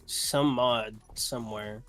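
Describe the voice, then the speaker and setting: A man's voice: mid-range voice, steady tone, slow pace, a bit bright, soft background music. A man playing a game with friends, joking and grumbling about the controls. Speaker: co-player. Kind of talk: casual game chat.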